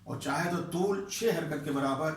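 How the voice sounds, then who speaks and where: A man with a somewhat high voice teaches the rules of Quran recitation, repeating terms patiently and drawing out vowels to demonstrate. His voice rings in a very reverberant room. He stands back from the microphone. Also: recorded from a distance. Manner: patient, repeats terms slowly, checks understanding with "ٹھیک ہے"; demonstrates by stretching vowels in chanted examples. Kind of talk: explaining recitation rules at a board.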